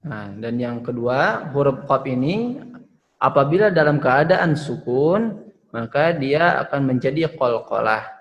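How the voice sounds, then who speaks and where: A man's voice: mid-range voice, lively intonation, a little slow, lo-fi sound. A male Quran recitation teacher explaining letter pronunciation patiently, demonstrating sounds and tagging phrases with "ya". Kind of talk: online Quran pronunciation lesson.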